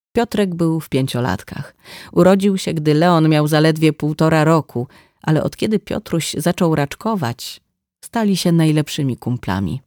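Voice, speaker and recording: A woman narrating a novel as a calm, measured audiobook reading. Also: sits low, dry recording, clean studio sound.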